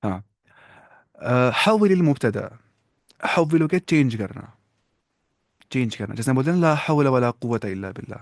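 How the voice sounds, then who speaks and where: In this classroom-style Arabic lesson, a man of medium pitch speaks with lively intonation and long pauses. He quizzes his students patiently, praises what they answer, and mixes English into his explanations. The recording is dry and studio-clean.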